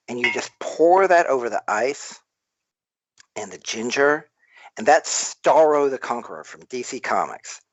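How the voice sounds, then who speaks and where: A tipsy man with a Southern American accent rambles boisterously through a casual live-stream chat. His voice comes through a dull, dry home microphone with no room echo. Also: mid-range voice. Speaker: guest toy artist.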